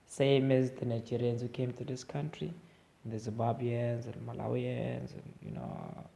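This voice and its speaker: A man's voice: medium pitch, expressive, moderate pace, gravelly, dark tone. A young South African man with an Eastern Cape accent, giving his opinions in a casual, rambling vlog monologue full of fillers and restarts. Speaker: vlogger.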